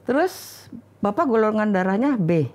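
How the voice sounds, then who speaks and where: A woman's voice: mid-range voice, very animated, moderate pace, a little mellow. An older Indonesian woman and mother, talking casually as an interview guest and recalling family stories, often acting out the lines people said. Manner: acts out family dialogue when recalling stories. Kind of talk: casual conversational storytelling.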